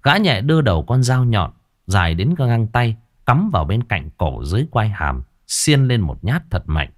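Lively male horror storyteller. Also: lowish voice, moderate pace. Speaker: narrator. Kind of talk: dramatic horror audiobook narration.

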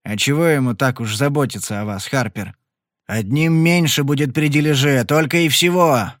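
A man voicing a cool, sarcastic young male cardsharp in a Western audiobook, smooth-talking and mocking. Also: mid-range voice, normal speed, a bit bright, no echo, studio quality, lightly acted.

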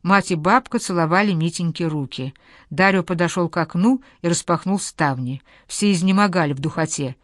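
A woman's voice: fairly low pitch, normal speed, dry recording. Woman reading an audiobook, dry sound. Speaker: audiobook reader. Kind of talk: audiobook narration.

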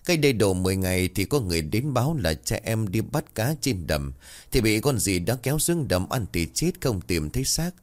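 A man's voice: lowish voice, sing-song, fairly quick. Man voicing a young village servant, earnest, pleading tone. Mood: sad. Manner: pleading, eager.

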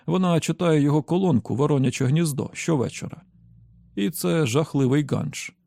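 A man reading an audiobook, voicing a shrewd older man who explains his reasoning step by step in a measured way. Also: a little high, creaky, mellow, no echo, clean studio sound. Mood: explaining. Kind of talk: audiobook character voice.

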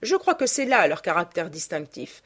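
A woman's voice: lowish voice, big pitch swings, normal speed, breathy edge. Woman doing a pompous lecturing politician. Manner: lecturing, self-assured. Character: pompous radical male politician, stuffy and earnest.

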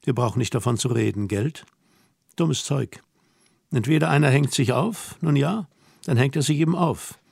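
A man reading an audiobook voices a young woman who teases and orders her companion about, asking brisk, mocking questions. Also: medium pitch, gravelly, breathy edge, no room sound, studio quality. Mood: teasing. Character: young woman, teasing, bossy and self-assured. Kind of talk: audiobook dialogue.

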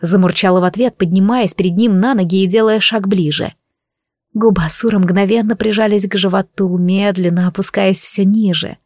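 A woman narrates a fantasy novel in a slow, even, intimate reading. Her voice sits at a middle pitch. The recording is dry and close, with no echo. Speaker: audiobook reader.

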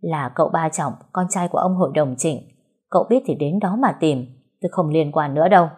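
A woman's voice: sits low, fairly quick, darkish tone, husky. A woman playing a greedy, scheming brothel madam. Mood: dismissive. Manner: fawning yet haughty, wheedling.

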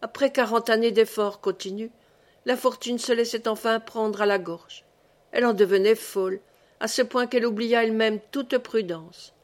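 A woman reads a classic novel aloud as audiobook narration. Her voice sits somewhat high, and she keeps a measured, even reading pace. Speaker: audiobook reader.

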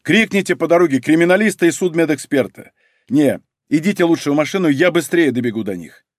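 A man's voice: a little high, brisk, a little mellow, dry recording, clean studio sound, lightly acted. A man reading aloud, voicing a stern, weary male police detective who growls and barks orders. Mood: barking.

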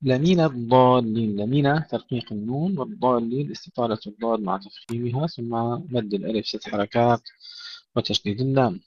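A man teaching Quran recitation rules. He chants verses slowly and melodically, then explains each pronunciation point briskly. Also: medium pitch, darkish tone, slightly rough, no room sound. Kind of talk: tajweed lesson with recitation. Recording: dry, dull lo-fi recording.

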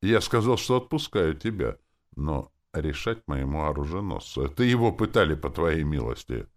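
A detached, condescending young mage, as the reader puts him on speaks with cool indifference. The voice is extremely low and gravelly, yet moves with lively pitch. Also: male voice, moderate pace, full character voice. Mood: cold. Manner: cold and condescending. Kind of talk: audiobook character voice.

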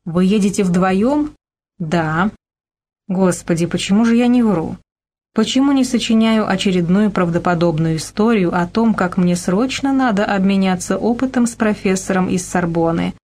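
A woman's voice: mid-range voice, normal speed, darkish tone. A woman reading a novel aloud in the first person, in an ironic, musing manner. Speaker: audiobook narrator.

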